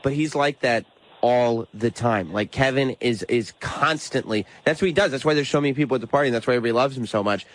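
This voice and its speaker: A man's voice: mid-range voice, quick pace. A male co-host telling a story in casual chat, acting out quoted lines with animation.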